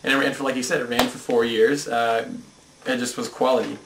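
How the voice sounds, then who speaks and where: A young man hosting a comedic cartoon review, talking in an excited, mock-indignant way. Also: mid-range voice, fairly quick, roomy sound, noisy background.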